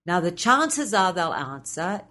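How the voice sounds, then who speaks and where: A woman teaching presenting skills to MCs, speaking in a measured, explanatory way with playful asides. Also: on the low side, big pitch swings, pushed and bright. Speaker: MC trainer. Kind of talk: instructional talk.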